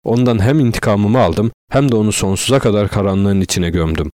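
A man's voice: fairly low pitch, brisk, a little mellow, no echo, studio quality, close to an everyday voice. A man voicing a cruel, unstable male killer who growls his words with contempt. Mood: menacing.

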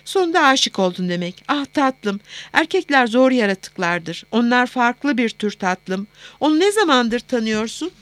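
Woman putting on a soft doting mother. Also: fairly high pitch, very animated, a little slow, no room sound. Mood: fond worry. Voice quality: soft, soothing. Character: warm doting middle-aged mother on the phone. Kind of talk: audiobook character voice.

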